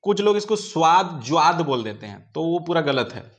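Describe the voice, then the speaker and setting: A man's voice: on the high side, sing-song, moderate pace. A male teacher giving a pronunciation lesson, patiently repeating each letter sound many times and stretching them out. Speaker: Quran recitation teacher. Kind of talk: slow pronunciation lesson with drawn-out repetitions.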